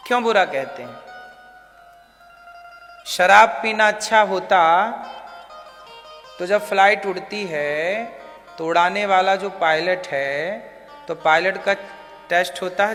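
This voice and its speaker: A man's voice: high voice, fairly bright tone, long reverb tail. A man telling a devotional story as a sermon, asking the audience questions and answering them himself. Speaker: religious storyteller.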